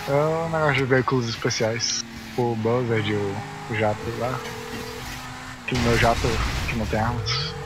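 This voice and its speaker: A man's voice: medium pitch, steady tone, moderate pace. A man on a clipping, distorted headset mic, chatting casually as a co-player on a game stream. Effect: clipping, crackling distorted mic. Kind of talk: casual gaming chat. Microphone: game headset mic that crackles.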